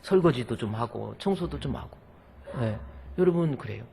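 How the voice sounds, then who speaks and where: A man's voice: medium pitch, lively intonation, moderate pace, vocal fry, mellow, a little hiss or hum. A male pastor preaching a sermon in a church, folksy and joking with the congregation. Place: church sanctuary. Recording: long hall reverb.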